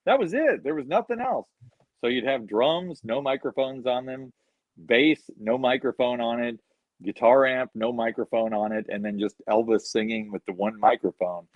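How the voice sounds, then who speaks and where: A musician joins a video-call interview as a guest, telling relaxed, rambling stories peppered with "you know." His voice is mid-range and he speaks at a normal speed. The sound is dry, slightly dull, and lo-fi, with no echo.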